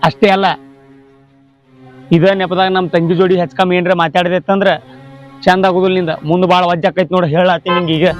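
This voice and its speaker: An actor playing a stern elder brother who lent money, speaking with a North Karnataka accent in a threatening way. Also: male voice, high voice, little pitch movement, fast talker, pauses often, lightly acted. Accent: North Karnataka Kannada. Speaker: angry elder brother in a village drama. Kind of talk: short-film acting. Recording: slightly dull audio, faint music.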